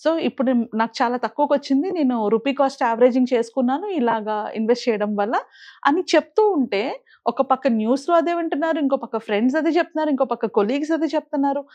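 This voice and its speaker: A woman's voice: high-pitched, fast, darkish tone, lo-fi sound. A woman financial advisor earnestly explaining investing mistakes and putting pointed questions to the viewer.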